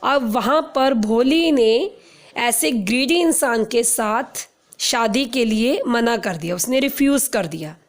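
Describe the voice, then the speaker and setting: A young woman teacher, her voice pitched a touch high. She reads each line at a very slow, dictation-like pace, then explains it more quickly in Hindi. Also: expressive. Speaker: teacher explaining a school chapter.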